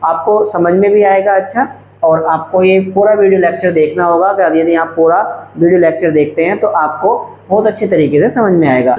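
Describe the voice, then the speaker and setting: A man teaching English grammar in a lecture, dictating example sentences slowly word by word. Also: high-pitched, darkish tone, dull audio. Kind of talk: classroom-style video lecture. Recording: echoey room, faint background hum.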